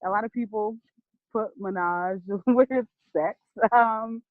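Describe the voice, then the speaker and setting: A woman's voice: medium pitch, slow, dry recording. A woman guest chatting casually about her podcast, laughing often and swearing freely. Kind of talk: casual interview chat. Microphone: video or phone call. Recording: tinny phone-like line.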